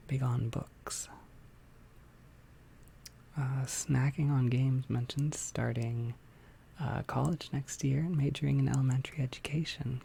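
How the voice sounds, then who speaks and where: Creaky, whispering young adult ASMR livestreamer. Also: mid-range voice, slight background noise. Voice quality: faint clicking from a tongue piercing. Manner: soft-spoken, hesitant, informal. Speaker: ASMR content creator hosting a livestream.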